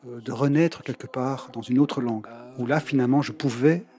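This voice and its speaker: Measured man, slightly halting French. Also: medium pitch, warm tone. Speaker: interviewee. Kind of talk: personal interview account.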